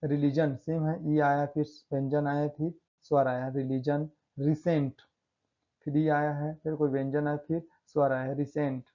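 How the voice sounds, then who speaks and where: A man's voice: a little high, dark tone. Man teaching pronunciation, lo-fi. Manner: repeats example words slowly, with emphatic stresses. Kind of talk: classroom-style explanation.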